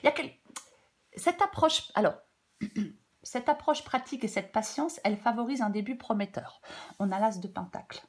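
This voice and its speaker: Casting: female tarot reader, stuffy-nosed with a cold, informal and halting, breaking off into chatty asides. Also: a little high. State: congested blocked nose from a cold. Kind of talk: casual off-the-cuff tarot guidance.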